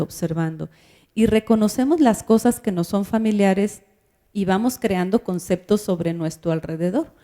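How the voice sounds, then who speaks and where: Woman giving a talk to parents, soft mellow voice, asks the crowd stuff as she explains. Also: medium pitch. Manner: explanatory, asks the audience questions. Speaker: speaker on child language development. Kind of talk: lecture to parents.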